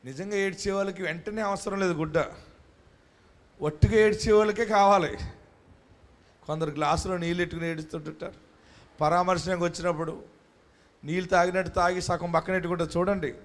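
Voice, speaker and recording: A male pastor preaching a sermon at a live church service, building to shouted climaxes. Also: high-pitched, steady tone, fairly quick, long pauses.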